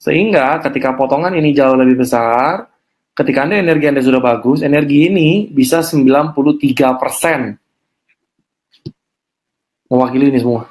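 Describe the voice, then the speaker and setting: Man, sales coach, online session, emphatic, rhetorical questions, mid-pitched voice. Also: a little fast, pauses often, darkish tone.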